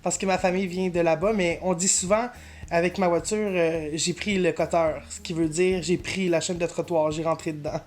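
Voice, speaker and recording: A man's voice: a little high, steady tone, moderate pace. Man with a Quebec City French accent.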